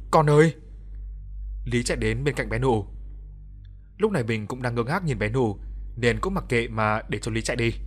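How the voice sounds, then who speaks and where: Male storyteller reading a ghost story, calm steady voice, soft music behind. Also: mid-range voice, husky. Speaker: storyteller and channel host. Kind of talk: scripted narration of a ghost story.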